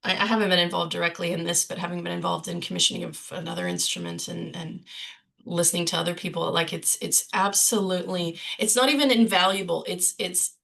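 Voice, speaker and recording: A woman's voice: on the low side, steady tone, fairly quick, gravelly, fairly bright tone. A woman chairing a conference session, friendly and enthusiastic with hesitant restarts, her voice worn from losing it. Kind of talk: conference Q&A chat.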